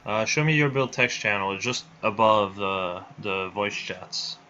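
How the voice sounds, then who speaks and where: Bright-voiced man on livestream headset audio. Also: fairly low pitch, measured pace. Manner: rambling, restarts often. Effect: livestream headset mic audio. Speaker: livestream host running a build showcase. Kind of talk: casual live-stream chat. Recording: dull lo-fi stream audio.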